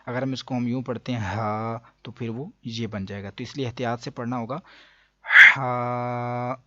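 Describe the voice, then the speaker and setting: A man teaching a Quran reading lesson. He explains each rule, then slowly drawls out the letter sounds for the listener. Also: medium pitch, fairly even intonation, no room sound. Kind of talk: step-by-step recitation lesson. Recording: dull dry lo-fi recording.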